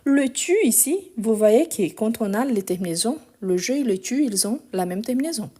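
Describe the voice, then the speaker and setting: A woman who teaches French leads a live grammar class online, her voice on the high side, mellow and breathy-edged, expressive, at a normal speed. Patient and methodical, she spells each ending letter by letter, and her voice comes through a bit weak on the phone recording.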